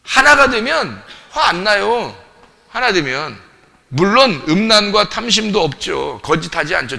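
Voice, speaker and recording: A male pastor with a fairly high, sharp voice and some vocal fry preaches emphatically, peppering the congregation with rhetorical questions. The long reverb of the church sanctuary carries through the recording.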